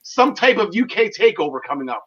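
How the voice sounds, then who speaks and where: A man's voice: high voice, very animated, brisk, a bit bright, breathy edge, dull audio. A man hosting a casual wrestling podcast discussion, talking in an enthusiastic, rambling, slangy way. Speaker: podcast host.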